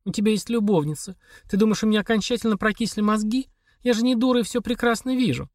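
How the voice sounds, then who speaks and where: A man doing a raspy, desperate wife. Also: high-pitched, fast talker, dry recording, studio quality, voice pushed up. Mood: accusing. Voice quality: hoarse whispery. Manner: pleading then hissing with hatred. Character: worn-down, desperate, bitter wife.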